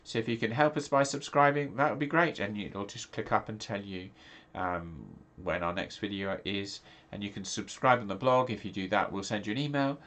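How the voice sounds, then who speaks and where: A middle-aged English pastor chats casually to camera in a fairly low, fairly bright voice, nasal and congested. He talks at normal speed with hardly any pauses, rambling through many ums and restarts.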